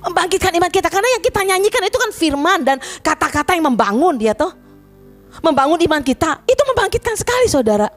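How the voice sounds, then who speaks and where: A woman pastor preaching an animated sermon, often turning to the congregation as she speaks. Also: extremely high pitch, quick pace, faint music behind. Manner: animated, addresses congregation as "saudara", emotional retelling of prayer. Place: church.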